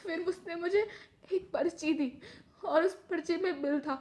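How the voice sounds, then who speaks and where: A woman's voice: a little slow, a little mellow. A woman acting a short-tempered housewife in a short drama who scolds sharply and later turns tearful with remorse. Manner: scolding, shrill, then tearful.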